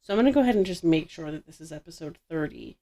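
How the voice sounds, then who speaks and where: A woman's voice: low-pitched, lively intonation, very fast, dark tone. Chatty woman podcast host with a sick voice. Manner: chatty, with frequent restarts and self-corrections. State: sick, congested voice. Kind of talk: casual podcast chat.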